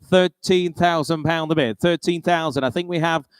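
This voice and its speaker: A man from Britain leads a live auction, his practised patter echoing back each bid figure. Smooth and clear, his voice lies a bit high for a male speaker, and he keeps a moderate pace. The audio is dry and intimate, with no room echo.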